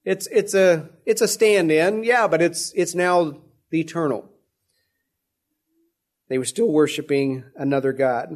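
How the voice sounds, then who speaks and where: Earnest male preacher, fairly high voice. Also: a little slow. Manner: earnest, explanatory, with repeated restarts. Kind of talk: sermon with scripture reading.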